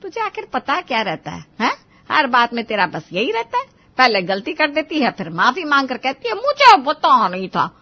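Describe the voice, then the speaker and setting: A woman voicing a quick-tempered older mother-in-law in a cartoon story, sharp and scolding. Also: mid-range voice, animated, lo-fi sound, lightly acted.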